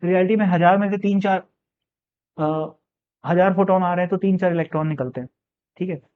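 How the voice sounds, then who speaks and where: A man works through a physics exam problem step by step, reading the question slowly before explaining it casually and often answering his own questions. His voice is high-pitched, clear and resonant, and the audio sounds like a phone line.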